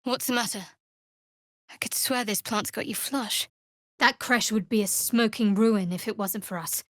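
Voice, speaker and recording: A woman voices a guarded, sardonic young cleric of a dark goddess in a fantasy video game, delivering lines in a dry, measured, wry manner. Her natural, medium-pitched voice has no echo, and her mood is wry and composed.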